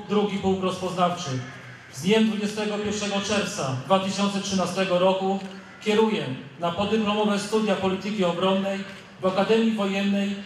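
A high male voice rings with heavy echo from outdoor loudspeakers. He is an officer formally reading out military orders, a little distant from the recorder. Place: outdoors at a ceremony. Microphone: stand microphone through loudspeakers. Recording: echoing outdoor PA, distant, faint noise.

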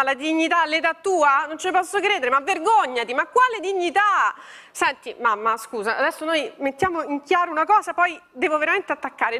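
Woman, high bright voice, comic TV monologue, theatrical and exasperated. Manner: theatrical, exasperated one-sided phone talk. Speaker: comic performer. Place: TV studio with live audience.

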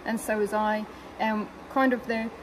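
A woman's voice: fairly high pitch, little pitch movement, moderate pace, slight background noise, low-quality recording. A New woman chatting casually and rambling about her car, with lots of fillers and giggles, recorded in a car. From New Zealand. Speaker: car owner guest. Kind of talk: casual chat. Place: in a parked car.

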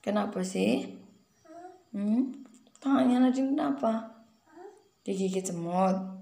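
A woman's voice: medium pitch, slow, creaky, mellow, echoey room. A woman in a family vlog, playfully prompting a toddler with sing-song, repeated words, at home. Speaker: parent vlogger. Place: at home indoors.

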